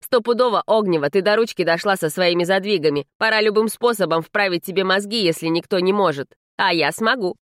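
A woman's voice: medium pitch, brisk, few pauses, no echo, clean studio sound, lightly acted. A woman voicing a scrawny, cheeky male house spirit who sounds like a teen, brash and slangy in an audiobook. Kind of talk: audiobook character reading.

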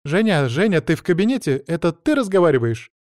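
An eager, bubbly young woman, played by a male narrator in a raised voice, chattering quickly into a dry, close recording. The delivery is bright with excitement but stays within a storybook reading. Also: a little high, dry recording, pitched above the performer's own voice. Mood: excited.

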